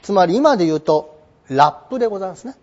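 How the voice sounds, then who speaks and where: A man with a very high voice gives a textbook lesson, his pitch leaping all over as he poses questions and answers them himself. The sound is dull and lo-fi. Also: animated, a little mellow. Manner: acts out quick imagined exchanges with questions and answers. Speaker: teacher. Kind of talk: textbook lecture.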